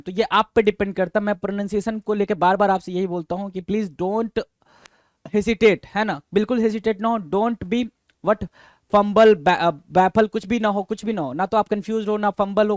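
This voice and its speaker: A man's voice: high-pitched, fairly even intonation, normal speed, no echo, studio quality. A man teaching English vocabulary for exam prep, casually quizzing listeners and spelling words out letter by letter. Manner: quizzes listeners with rhetorical questions; casual, calls listeners "bhai".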